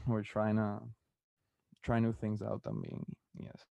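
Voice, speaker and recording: A young man of twenty with a Puerto Rican Spanish accent, a musician answering interview questions in a relaxed, rambling way with many fillers. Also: on the low side, slow pace, creaky, dry recording. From Puerto Rico. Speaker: musician guest. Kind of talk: casual interview, mixing Spanish and English.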